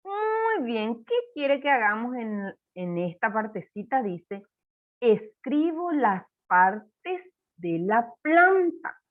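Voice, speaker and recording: Woman teacher, slow patient encouraging, phone-like audio. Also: a little high, very animated. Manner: slow, encouraging, spells words out for children. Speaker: primary school teacher. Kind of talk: recorded online class for first graders.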